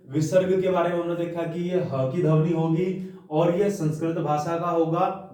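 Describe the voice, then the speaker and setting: A man gives a Hindi grammar lesson in a fairly high voice, calling his listeners children. He asks a question, answers it himself, and repeats the key points. He is heard from across a strongly echoing room. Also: a little mellow. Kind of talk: classroom-style lesson at a board. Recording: echoey room, voice from a distance.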